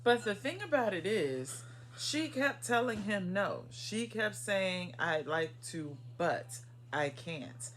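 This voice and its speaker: A co-host in a casual chat recapping a cartoon, chatty and emphatic with quick asides. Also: medium pitch, lively intonation, a bit bright.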